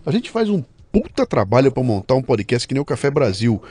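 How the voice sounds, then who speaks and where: Brazilian guy hosting a podcast, talks quick, voice jumps all over, acts out quotes. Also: mid-range voice, husky, no room sound. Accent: Brazilian Portuguese. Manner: animated, quotes people in little acted asides. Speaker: podcast host. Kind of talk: casual interview chat.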